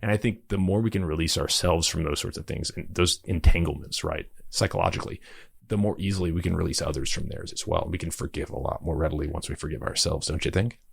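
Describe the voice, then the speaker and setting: A man guesting on a podcast, telling stories in an animated way and laughing often. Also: low voice, fast, gravelly, slightly rough, no room sound. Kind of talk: casual podcast conversation.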